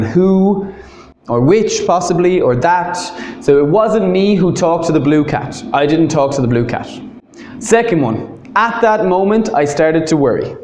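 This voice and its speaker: Irish guy teaching grammar, slightly high voice, leans on the key words. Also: a little mellow, echoey room. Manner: explains step by step, stresses key words. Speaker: English teacher. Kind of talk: classroom grammar lesson.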